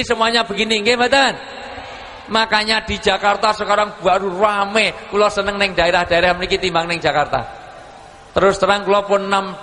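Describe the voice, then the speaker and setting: A man's voice: high voice, sharp tone, big-room sound, a little hiss or hum. A man with a Javanese accent preaching to a crowd, joking and teasing them with call-and-response as he mixes Indonesian and Javanese. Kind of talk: lively religious lecture to a village crowd. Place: large venue with live audience, amplified PA.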